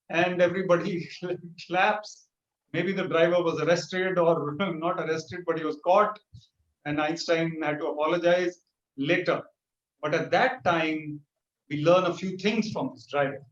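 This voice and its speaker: A man speaking to teachers over a video call, telling an anecdote with animated storytelling and pitch lifts for punchlines. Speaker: motivational speaker. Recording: roomy, dull video-call audio.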